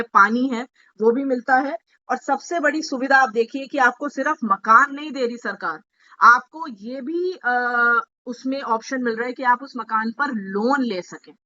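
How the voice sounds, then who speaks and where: Over a video call with lo-fi sound, a woman with a fairly high, bright, forceful voice walks party members through a scheme step by step in an online meeting. She asks them to take notes and slips English terms into her explanation.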